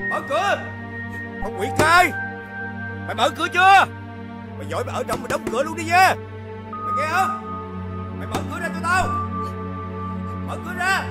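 An actor playing a brutal, raging husband who bellows coarse threats. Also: male voice, extremely high pitch, huge pitch swings, moderate pace, long pauses, over loud music, exaggerated voice. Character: brutal drunk-sounding gambler husband, raging. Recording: loud dramatic score behind.

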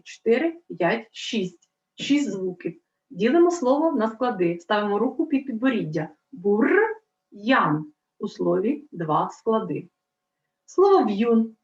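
A woman teaching a primary school language lesson, slowly and clearly spelling out sounds and counting letters for the children. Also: medium pitch. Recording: dull lo-fi sound in an echoey room.

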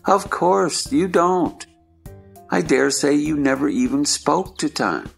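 A man playing an eccentric, argumentative Hatter in a stage play dramatization, with a slow theatrical drawl. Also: fairly high pitch, creaky, husky, soft background music, exaggerated voice. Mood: knowing, argumentative. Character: eccentric, gloomy, argumentative Mad Hatter at tea.

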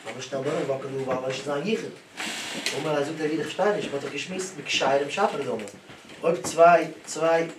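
Man, Talmud lesson, animated telling, distant mic, echoey room, audible background noise. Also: on the high side. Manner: animated, rising and dropping sharply as he tells the stories. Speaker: Talmud teacher.

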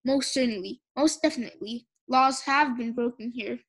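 A woman reading the part of a pompous, slow-witted police officer who repeats himself. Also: fairly high pitch.

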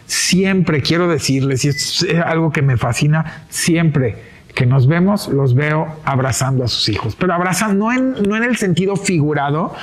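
A man's voice: fairly high pitch, moderate pace. A man hosting an interview in a studio, talking expressively and gesturing with a handheld mic. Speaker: interview host. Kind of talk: warm-hearted studio interview chat. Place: studio set with bookshelves.

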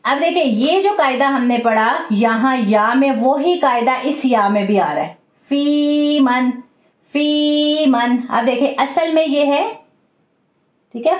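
Female recitation teacher with a high voice, patient and repetitive, warm with praise; echoey, dull recording. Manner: patient, repeats each rule step by step; praises students warmly. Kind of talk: tajweed lesson.

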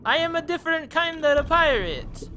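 A woman putting on a silly, boastful pirate voice while playing a video game, loud and proclaiming. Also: high-pitched, animated, normal speed, over music, voice pushed up. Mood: goofy. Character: playful adult female pirate, goofy and boastful. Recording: loud game audio behind.

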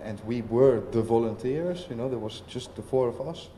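Halting man in a roomy hall. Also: mid-range voice, dark tone. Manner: hesitant, many fillers and restarts. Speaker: visiting artist. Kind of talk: casual panel talk. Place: festival talk venue. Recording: roomy hall with faint noise.

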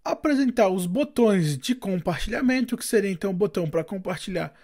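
A man from Brazil narrating a step-by-step screen-recorded software tutorial, explaining settings and giving his own recommendations. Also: high-pitched, expressive, fairly quick. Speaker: tutorial host.

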